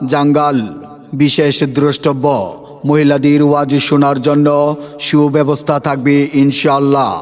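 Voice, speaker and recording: A man's voice: fairly high pitch, darkish tone, clear, resonant tone. A Bangladeshi man reading a scripted promotional announcement in a formal, declamatory public-announcement manner. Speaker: event announcer. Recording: echoey hall reverb over music.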